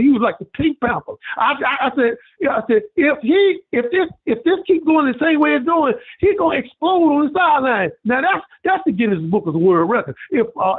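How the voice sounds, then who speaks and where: Male caller, high husky voice, lively and preachy, tinny phone audio. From Birmingham, Alabama. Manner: preachy, repetitive, animated storytelling. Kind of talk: call-in rant.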